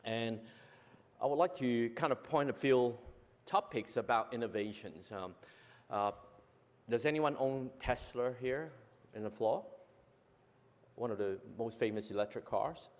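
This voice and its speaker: A man's voice: mid-range voice, unhurried, long pauses. A man from Hong Kong giving a conference presentation, hesitant, with many fillers and self-corrections. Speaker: conference speaker, company executive. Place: large conference hall. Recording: long hall reverb from a conference venue.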